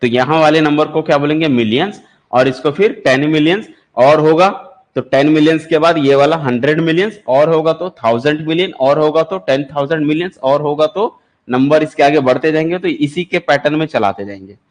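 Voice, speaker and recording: A man's voice: on the high side, a little fast. A man teaching maths for exam preparation, explaining step by step and asking his students questions before he answers them. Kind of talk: classroom lecture for exam prep.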